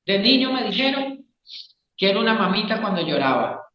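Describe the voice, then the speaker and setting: A man's voice: high voice, very animated, fairly quick. A man, a psychologist explaining ideas in an interview and often checking in with the listener. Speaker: psychologist and Gestalt therapist, interview guest. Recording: echoey room, long reverb, dull sound.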